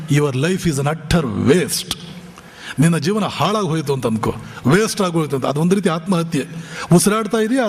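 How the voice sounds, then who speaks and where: High-pitched monk preaching fired up, lots of echoey hall reverb. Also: male voice, vocal fry, a little mellow, slightly rough. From Bijapur region, north Karnataka. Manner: impassioned, rhetorical, scolding questions. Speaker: monk giving a spiritual talk. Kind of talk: spiritual discourse.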